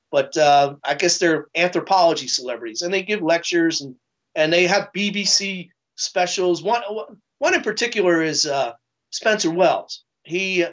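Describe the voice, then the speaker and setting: A man talking casually as a guest, halting often with fillers and restarts. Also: fairly high pitch, a bit bright, lo-fi sound. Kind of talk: casual discussion.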